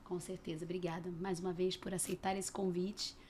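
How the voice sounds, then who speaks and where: A woman's voice: fairly low pitch, flat delivery, brisk, darkish tone, slight background noise. A woman co-hosting a business podcast, gracious and appreciative as she leads the interview. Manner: gracious, appreciative, wraps up questions. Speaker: podcast co-host. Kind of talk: casual interview talk.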